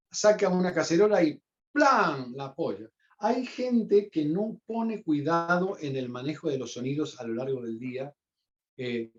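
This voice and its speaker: A man, leading a teacher training discussion and explaining calmly with many examples. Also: a little high. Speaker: course instructor. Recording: dull lo-fi sound.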